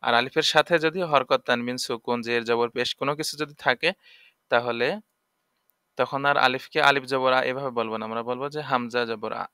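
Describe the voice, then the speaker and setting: A man teaches Quran reading, taking each letter sound slowly and going over it again and again. His voice is bright and crisp, and it is recorded close and dry with no room around it. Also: medium pitch, fairly even intonation, no echo. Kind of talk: slow, patient recitation lesson.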